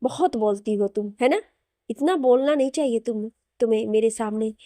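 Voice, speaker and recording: A woman's voice: on the high side, moderate pace, warm tone, dry recording, lightly acted. A woman voicing an arrogant, angry young husband who talks curtly and bossily. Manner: curt, irritable, bossy.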